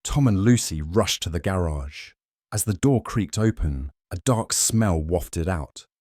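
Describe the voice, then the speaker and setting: Male narrator for a scripted mystery, low and husky, measured and ominous. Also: expressive, darkish tone, no echo, clean studio sound.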